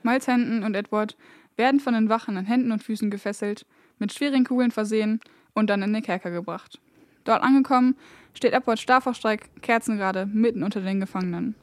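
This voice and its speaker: A woman's voice: mid-range voice, a little fast, no room sound. A woman giving scripted storytelling narration for an audio drama.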